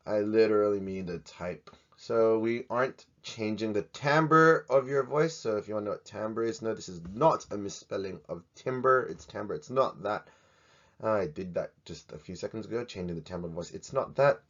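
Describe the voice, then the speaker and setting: A man from Australia, teaching an English grammar video lesson in a jokey, animated way. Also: on the low side, moderate pace. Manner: jokey, animated, swings in loudness. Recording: dull lo-fi sound.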